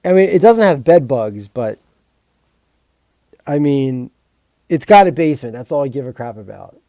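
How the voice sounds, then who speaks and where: Rambling man with a mellow, dry voice. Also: mid-range voice, lively intonation, normal speed, no room sound. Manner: rambling, talks to chat, frequent restarts and fillers; exasperated, joking, mild swearing. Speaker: composer streaming live. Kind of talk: casual live-stream chat.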